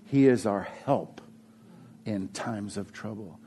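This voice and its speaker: A man's voice: on the low side, slow, warm tone. A man preaching a sermon as pastor, telling stories in a chatty, joking way with lots of fillers.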